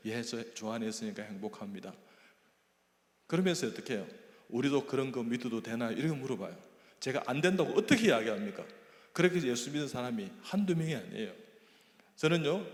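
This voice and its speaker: An older man, a church elder, telling a personal testimony as a sermon and acting out the dialogue in his stories. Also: medium pitch. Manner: storytelling, acting out quoted dialogue, breaks into hymn singing. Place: church sanctuary. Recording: echoey church hall.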